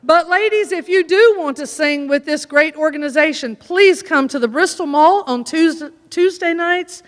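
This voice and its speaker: A woman's voice: high-pitched, moderate pace. A woman, a chorus singer, telling a folksy, funny story to a church audience. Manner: folksy, animated joke-telling. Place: church sanctuary. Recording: echoey church hall.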